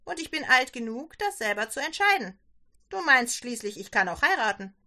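A woman's voice: high-pitched, sing-song, normal speed, sharp tone, full character voice. A woman voicing an earnest young woman who talks eagerly and pleads firmly. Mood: pleading firm.

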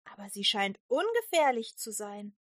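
A woman's voice: medium pitch, sing-song, moderate pace, dry recording, clean studio sound. A woman voicing an eager, awestruck male disciple in a children's Bible story, calling out in wonder. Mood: amazed.

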